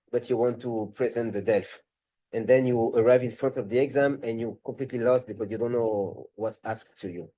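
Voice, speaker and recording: A man's voice: medium pitch, warm tone, rough recording. A man with a French accent, a language tutor talking in a live webinar, thinking aloud and rephrasing as he goes.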